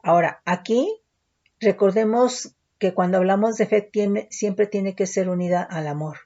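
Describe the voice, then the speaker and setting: A woman's voice: mid-range voice, unhurried, mellow, highs cut off. A woman preaching a sermon, teaching scripture and often checking in with the congregation. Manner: teaching, frequent tag questions.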